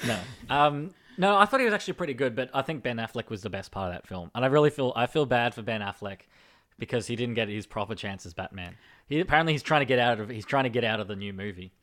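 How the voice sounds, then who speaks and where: A man's voice: medium pitch, expressive, quick pace, a bit bright. A man hosting a casual film podcast, chatty, with many "uh" and "um" fillers. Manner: chatty, looks things up and reads them out, hesitant fillers. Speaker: podcast host.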